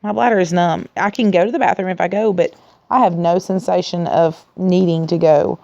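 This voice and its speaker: A woman who sounds tired and weak after surgery, talking in a candid, rambling, low-energy way in a casual video diary, with a gravelly, creaky voice. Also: steady tone, a little fast, a little mellow. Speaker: vlogger sharing surgery recovery. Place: at home in a recliner. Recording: dull, lo-fi sound.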